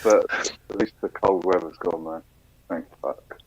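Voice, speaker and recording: Chill guy chiming in short bits, low voice, dry lo-fi recording. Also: steady tone, a little slow, no echo. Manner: brief interjections, laid-back, swears. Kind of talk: casual chat. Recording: dry, dull lo-fi sound.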